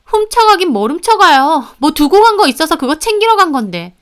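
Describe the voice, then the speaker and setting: A woman's voice: very high voice, very animated, a little fast, a bit bright, voice pushed up, exaggerated voice. A woman voicing a defiant young sister-in-law who protests shrilly in a narrated story.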